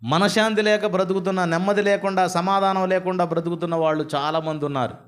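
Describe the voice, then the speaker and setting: A man preaching a storytelling sermon, animated and full of rhetorical questions and repeated lists. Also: sits high, fast. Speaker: pastor.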